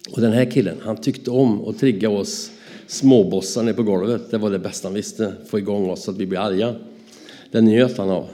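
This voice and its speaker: Low, mellow Swedish man telling stories. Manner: animated, acts out dialogue in his stories. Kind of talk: anecdotal storytelling.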